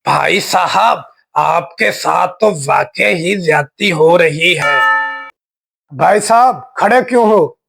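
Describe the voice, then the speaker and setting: A man voicing a boastful middle-aged male neighbor in a cartoon, with a slow, drawling manner. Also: high voice, creaky, a bit bright, breathy edge, exaggerated voice. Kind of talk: cartoon voice acting.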